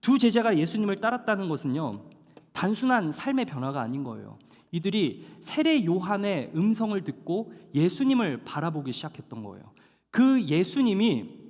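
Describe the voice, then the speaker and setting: A male pastor preaching a sermon to a young adult congregation, animated and storytelling, with dramatic slowdowns for emphasis. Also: high-pitched. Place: church hall. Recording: long hall reverb.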